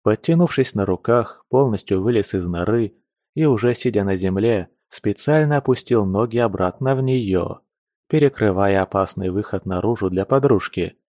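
A man narrating an audiobook with a steady, measured reading. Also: lowish voice, no echo, clean studio sound.

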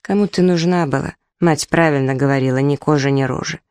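A woman's voice: deep voice, fairly quick, a little mellow, clean tone, dry recording, close to an everyday voice. A woman reading the lines of a short-tempered young husband aloud from a story, in a dry room. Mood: irritated. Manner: short-tempered, snapping, rude. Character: irritable young husband, thirty.

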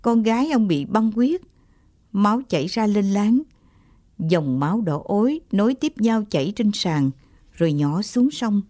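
A woman narrating an audiobook short story at a calm, measured pace. Her voice sits in a middle register. The sound is dry and close. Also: mid-range voice, no echo.

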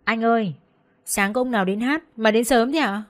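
A woman's voice: fairly high pitch, moderate pace, close to an everyday voice. A woman voicing a spiteful, jealous hostess who sneers and taunts in an audiobook story. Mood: tattling.

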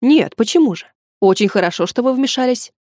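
A woman reading an audiobook, playing a charming, lively father who speaks fondly to his daughter. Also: a little high, brisk, no echo, studio quality. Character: charming father with low husky voice.

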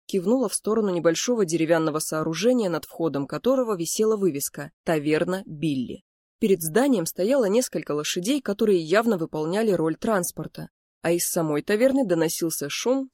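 A woman reading a first-person fantasy story aloud in a calm, even manner. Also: on the low side, dry recording, clean studio sound. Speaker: audiobook reader.

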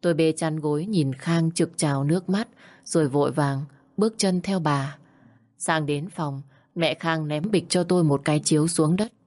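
Low-voiced woman narrating a sad story. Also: moderate pace, darkish tone. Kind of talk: first-person audio story narration.

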